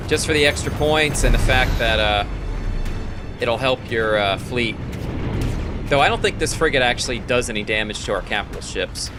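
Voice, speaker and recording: A man's voice: mid-range voice, normal speed. A man giving casual, explanatory gameplay commentary in a matter-of-fact way. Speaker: let's play host. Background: game music and battle effects.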